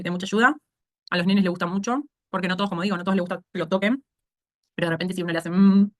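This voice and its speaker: Quick-talking Rioplatense woman teaching a course. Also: medium pitch, fairly bright tone. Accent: Rioplatense Spanish. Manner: explanatory, asks "¿sí?" to check understanding. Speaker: speech therapy instructor. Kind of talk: online course lecture.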